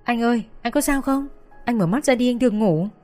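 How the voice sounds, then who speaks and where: A woman's voice: medium pitch, a little fast, faint music behind, pitched above the performer's own voice, close to an everyday voice. A woman voicing a young woman who cries and begs bystanders for help. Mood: pleading, tearful. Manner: tearful, begging, shouting.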